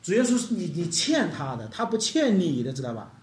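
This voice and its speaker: A high-voiced male preacher delivers a lively sermon, with his pitch swinging widely as he questions the congregation. His voice rings through an echoey room. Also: a little fast. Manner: animated, questioning the congregation, acting out stories.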